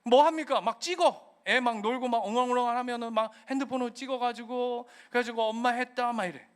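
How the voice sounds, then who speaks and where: A man's voice: extremely high pitch, a little fast, clear, resonant tone. A male pastor preaching a sermon, acting out quotes and firing questions at the congregation. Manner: animated preaching, acting out quotes of God and parents; asks the congregation questions, then answers them himself. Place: church sanctuary.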